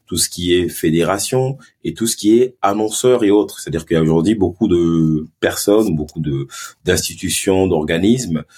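Low, husky Marseille-accented man. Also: moderate pace. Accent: Marseille French. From Ivory Coast and Marseille. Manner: animated, lively storytelling with many restarts. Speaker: guest, former pro footballer turned sports marketing agency head. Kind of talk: casual podcast interview.

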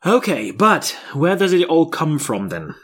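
A man in his late thirties co-hosts a casual podcast chat. He walks through a news story with easy laughs. His pitch rises and falls a lot as he talks. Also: very animated, unhurried, fairly bright tone. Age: 30s. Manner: chatty, laughs often, explains news stories. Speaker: podcast co-host.

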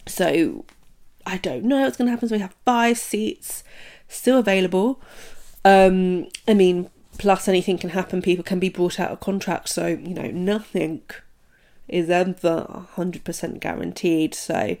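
A woman's voice: lowish voice, a little slow, vocal fry, darkish tone. A young woman from the United Kingdom hosting a casual solo podcast, chatty and full of "um" and "like". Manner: chatty, many fillers like "um" and "like". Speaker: podcast host.

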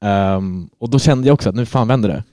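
A man's voice: lowish voice, mellow, dry recording, studio quality. A man on a football podcast, telling a long story in casual chat and swearing freely. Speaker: podcast co-host.

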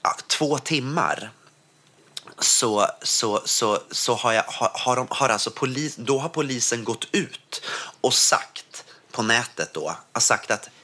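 A man's voice: mid-range voice, lively intonation, sharp tone. A man from Sweden telling a personal story in casual conversation, words tumbling out with many restarts. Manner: vivid, tumbling retelling full of restarts.

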